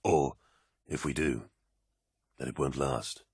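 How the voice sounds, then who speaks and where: A man with a husky voice reading the part of a superhuman warrior captain, low, quiet and flatly certain. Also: slow, no room sound, studio quality, heavily acted. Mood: stoic. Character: towering superhuman warrior captain, calm and stoic.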